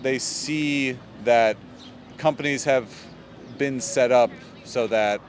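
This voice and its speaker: Opinionated man chatting on a city street. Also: mid-range voice. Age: 30s. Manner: animated, opinionated, quick asides. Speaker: podcast guest. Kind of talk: casual street interview. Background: faint traffic.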